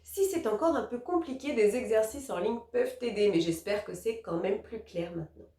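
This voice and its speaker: A woman teacher patiently explaining a grammar lesson to young children, gentle and encouraging, spelling out letters one by one. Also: medium pitch, very animated, fairly quick, gravelly, roomy sound, far from the mic.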